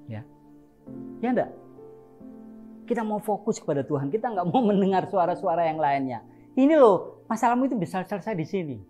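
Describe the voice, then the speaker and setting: Animated male preacher. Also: sits high, a little fast, pauses often, soft background music. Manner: animated, jokes and laughs, acts out shouted prayers. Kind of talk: lively humorous sermon.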